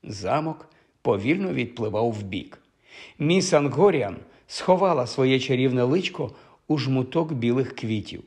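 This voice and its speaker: A man narrating a fantasy audiobook in a measured, expressive storytelling manner. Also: medium pitch.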